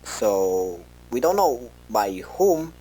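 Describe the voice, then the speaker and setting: A man speaks extremely slowly in a low-leaning, warm, sing-song voice, in character as a researcher recording an informal log tape for a fan horror audio log. He sounds hesitant and conversational, often interrupting himself. The audio is poor.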